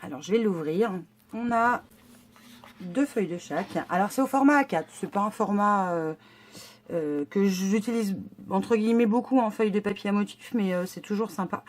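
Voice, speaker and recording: A woman's voice: medium pitch, moderate pace. Chatty French-speaking woman vlogger. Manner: chatty, hesitant, many fillers and restarts; enthusiastic about the items. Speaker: scrapbooking vlogger. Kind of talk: casual unboxing chat.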